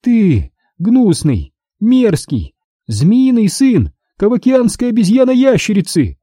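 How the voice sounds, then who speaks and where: A sardonic young woman, quick to anger and dry in her humor, voiced by a male narrator. The voice is lifted well above his own and swings widely in pitch. It sounds close and dry. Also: huge pitch swings, mellow, breathy edge, dry recording, full character voice. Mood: furious. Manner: indignant, sardonic. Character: sharp-tongued young woman, café owner's daughter. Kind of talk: audiobook reading.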